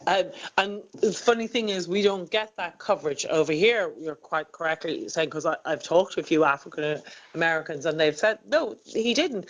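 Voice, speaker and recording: Host, mid-pitched voice, brisk and insistent, frequent ums. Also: low-quality recording. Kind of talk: political talk show interview.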